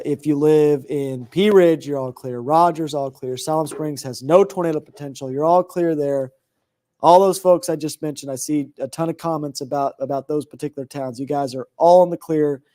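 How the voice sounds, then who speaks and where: A man co-hosting a live weather stream, easygoing and reassuring as he reads out towns and tells viewers they are in the clear. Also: a little high, normal speed, a little mellow. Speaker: weather co-host.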